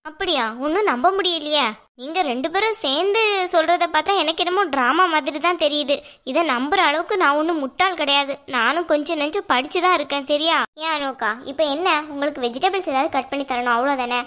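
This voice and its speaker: A woman's voice: sits high, brisk, bright, forceful tone. A woman voicing a sarcastic cartoon sister-in-law. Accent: Kanyakumari Tamil. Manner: sarcastic, scolding.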